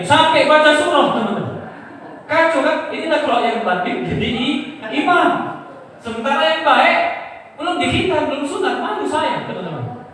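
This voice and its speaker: Male convert, lively, joking storyteller; roomy hall reverb. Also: high-pitched. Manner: animated, jokey, often addresses the audience. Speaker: convert giving a testimony. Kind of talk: storytelling talk to a congregation. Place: mosque hall. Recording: echoey hall, distant mic, faint noise.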